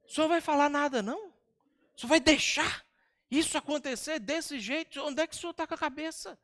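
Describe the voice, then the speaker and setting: Man putting on a high shrill voice, bossy overworked woman, indignant rapid questions, sermon role-play. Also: fairly bright tone. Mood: exasperated.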